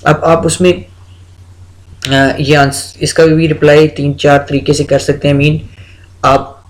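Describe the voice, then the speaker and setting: A man, an English teacher explaining speaking-test tips with steady examples. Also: fairly high pitch, poor audio. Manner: switches between Urdu and English, steady and explanatory. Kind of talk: lecture with many examples.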